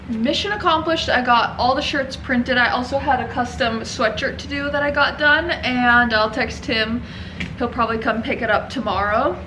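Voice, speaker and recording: A woman's voice: a little high, normal speed, background noise. A young woman chatting casually to camera in her shop as a vlogger, upbeat and laughing often. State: out of breath. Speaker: vlogger and small business owner. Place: her print shop, indoors.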